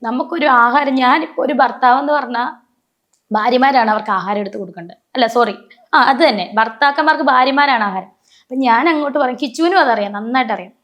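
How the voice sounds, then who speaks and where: A woman's voice: fairly high pitch, quick pace. A woman in an emotional personal interview, telling stories and acting out the voices of the people in them, often stopping to correct herself. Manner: animated storytelling, acting out quoted voices; frequent restarts and self-corrections.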